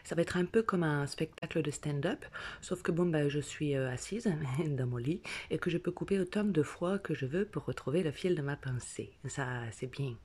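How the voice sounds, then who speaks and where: A woman's voice: deep voice, moderate pace, darkish tone, husky. A woman telling a stand-up style story from her bed at home, in a put-on southern French accent, playful and exaggerated. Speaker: comedian. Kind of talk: stand-up monologue.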